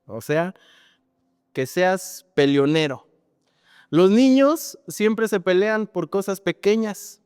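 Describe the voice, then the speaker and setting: A man's voice: high-pitched, lively intonation, slow, darkish tone, clean tone, dry recording, clean studio sound, big-room sound. A man with a Mexican accent preaching a sermon as pastor, in a conversational style that keeps adding tag questions.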